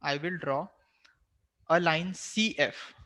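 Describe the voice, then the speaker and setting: A man's voice: fairly high pitch, drawn-out words, pushed and bright. A man with an Indian accent teaching a maths class online, mixing Hindi and English, firm but reassuring with his students.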